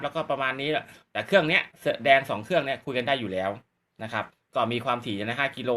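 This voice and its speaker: A man's voice: medium pitch, bright, forceful tone. A man hosting a casual gadget demonstration, explaining politely with repetitive phrasing. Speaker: YouTube channel host.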